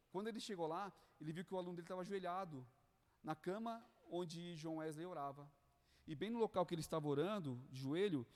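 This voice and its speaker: A Brazilian man preaches to church leaders with a fervent, pleading delivery. His voice sits somewhat high for a man, and he keeps checking in with the listeners and calling them dear ones. The sound carries a long hall reverb. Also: a little mellow. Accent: Brazilian Portuguese. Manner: fervent, pleading, adds "né?" and "queridos" often.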